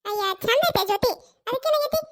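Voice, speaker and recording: A woman's voice: very high-pitched, quick pace. A woman voicing a soothing, meddling middle-aged neighbor in a cartoon, with a North Karnataka accent and a coaxing, motherly manner. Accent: North Karnataka Kannada.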